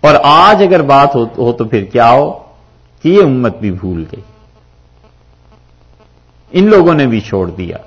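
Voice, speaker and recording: Lively preacher man, lo-fi sound. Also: mid-range voice, takes it slowly, long pauses, slightly rough. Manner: lively, rhetorical, quotes Arabic verses then explains. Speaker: mufti preacher. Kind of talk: sermon explaining Quran verses. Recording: dull lo-fi recording.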